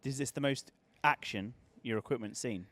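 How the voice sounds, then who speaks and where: Host: English guy, late thirties, relaxed banter, dry close sound. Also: medium pitch, moderate pace, dry recording. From England. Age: 30s. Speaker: podcast host. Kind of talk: casual chat.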